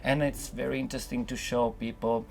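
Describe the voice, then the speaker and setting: Creaky-voiced man in a reflective casual interview. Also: mid-range voice, flat delivery, a little fast. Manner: philosophical, rambling, informal. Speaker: interview guest, sailor.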